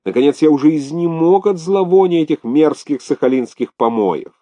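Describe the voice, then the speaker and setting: A man's voice: mid-range voice, big pitch swings, a little fast, dark tone, no echo. Man voicing a weary, plaintive old governor. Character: weary older male governor, put-upon and plaintive.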